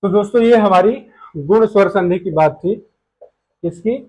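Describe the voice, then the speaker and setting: High-voiced man teaching grammar. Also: unhurried, darkish tone, poor audio. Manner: explains step by step, asks and answers his own questions. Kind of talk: online grammar lesson.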